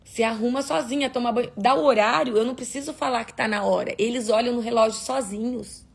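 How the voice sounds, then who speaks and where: Woman preaching on a live stream, gravelly and kinda husky, higher voice, keeps asking the viewers questions. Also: fast. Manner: emphatic, asks the audience rhetorical questions. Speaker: preacher hosting a prayer livestream. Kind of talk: livestream sermon and prayer.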